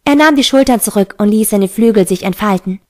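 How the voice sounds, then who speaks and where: A woman narrating a fantasy novel in an even, steady reading. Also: medium pitch, brisk. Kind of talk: audiobook reading.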